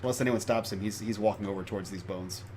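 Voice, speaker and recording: A man's voice: lowish voice, fast, a little mellow, a little hiss or hum. A man chatting casually as a player at a tabletop game.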